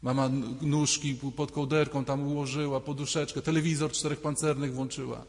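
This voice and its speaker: A man preaches in a relaxed, conversational way and slips into quick voices for the people in his examples. His voice sits in a middle register. A long church reverb trails after every phrase. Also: medium pitch. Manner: conversational, acting out quoted voices. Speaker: priest. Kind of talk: sermon.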